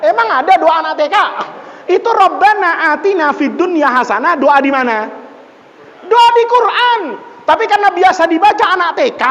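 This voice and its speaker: A man preaching a lively mosque sermon on a classical text, telling stories and acting out voices, often addressing his listeners directly. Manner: animated, swings between loud exclaiming and soft low narration. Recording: dull lo-fi audio with long hall reverb.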